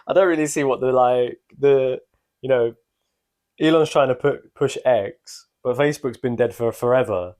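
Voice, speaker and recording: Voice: medium pitch, normal speed, a little mellow. A podcast co-host chatting casually and comedically, with a jokey, sarcastic, slangy way of talking.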